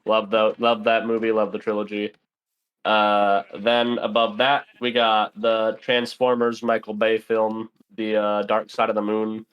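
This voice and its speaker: A man's voice: on the low side, monotone, unhurried, clean tone, muffled recording. A young man, a podcast guest, chatting casually and rambling with lots of fillers while playing a game. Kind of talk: casual chat while gaming.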